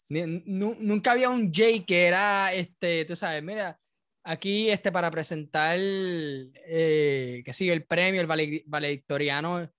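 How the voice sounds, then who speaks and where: A man's voice: fairly high pitch, slow, a bit bright, smooth, dry recording, clean studio sound. Profane Puerto Rican man hosting a podcast. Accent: Puerto Rican Spanish. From Puerto Rico. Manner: loose and profane, laughs often. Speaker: podcast host. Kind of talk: casual podcast chat reacting to a video.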